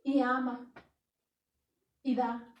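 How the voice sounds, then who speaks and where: A woman's voice: on the high side, flat delivery, drawn-out words, dull audio. A woman pastor preaching a sermon in earnest, emphatic tones, quoting scripture as she teaches. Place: church. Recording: echoey church hall, heard from a distance.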